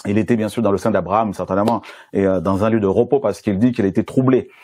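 A man giving a sermon, pausing often with hesitations and correcting himself as he goes. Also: on the low side, fairly even intonation, dark tone, no echo. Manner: halting, many hesitations and self-corrections. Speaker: pastor. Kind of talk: sermon with Bible reading.

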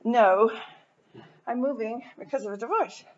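A woman's voice: fairly high pitch, unhurried, lo-fi sound, a little hiss or hum. A woman in her forties talking candidly and rambling in a casual vlog, tired and a little out of breath from moving house. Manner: rambling, candid, self-deprecating. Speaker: vlogger. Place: house being moved out of.

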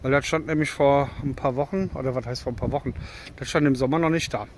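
A man's voice: medium pitch, quick pace, a little hiss or hum. A man in his thirties chatting and joking to a handheld camera while walking through a forest. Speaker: bushcraft vlogger. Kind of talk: casual walking vlog. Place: outdoors in a forest. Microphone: handheld camera at arm's length.

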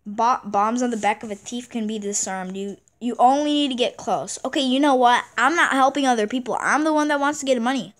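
A woman giving casual gameplay commentary, excitable and chatty, repeating exclamations and stumbling over words. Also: a little high, brisk, few pauses. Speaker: gaming channel host.

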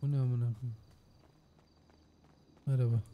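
A hoarse man livestreaming a game, commenting loudly with jokes and heavy swearing. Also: mid-range voice, fairly even intonation, measured pace, phone-quality sound, a little hiss or hum. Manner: loud, joking and heavily profane. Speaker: streamer. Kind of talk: casual gaming livestream commentary.

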